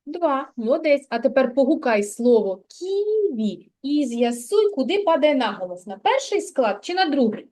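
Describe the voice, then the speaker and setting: A woman preschool teacher giving a kindergarten literacy lesson, prompting the child with slow, clear instructions. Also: sits high, very animated, a little mellow.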